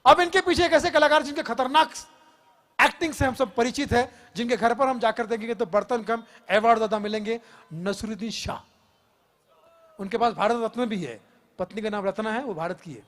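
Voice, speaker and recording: A male stand-up comedian with a high voice, introducing each impression with the punchy rhythm of a host. His setups lead straight into the next bit. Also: fairly quick, fairly bright tone. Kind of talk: live stage comedy.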